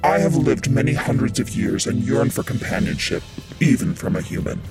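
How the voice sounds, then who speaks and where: An actor voicing a proud, lonely, ancient male genie in a hollow, gravelly voice, speaking slowly and with command. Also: medium pitch, animated. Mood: solemn. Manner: slow, stately, commanding speech. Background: loud music.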